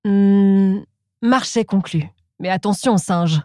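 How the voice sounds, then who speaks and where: A woman voicing a greedy, hot-tempered tiger in a children's storybook reading, in a gruff, demanding way. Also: medium pitch, slow, dark tone, no echo, studio quality, lightly acted.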